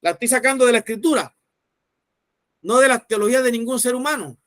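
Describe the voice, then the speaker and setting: A man's voice: very high voice, quick pace, a bit bright, no room sound. A man preaching a sermon as pastor, telling a story and acting out the people in it. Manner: storytelling preacher, voicing people in his stories.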